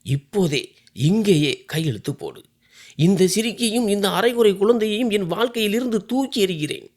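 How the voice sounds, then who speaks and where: A man reading as a furious shouting husband. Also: high-pitched, expressive, normal speed, pitched above the performer's own voice. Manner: shouting, accusing. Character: angry husband shouting at his wife.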